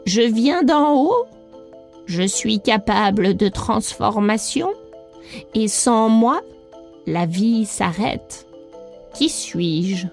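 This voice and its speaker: A woman voicing an old, wise female priestess who speaks in slow, solemn riddles in a read-aloud storybook. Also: mid-range voice, animated, vocal fry, a little mellow, soft background music, exaggerated voice.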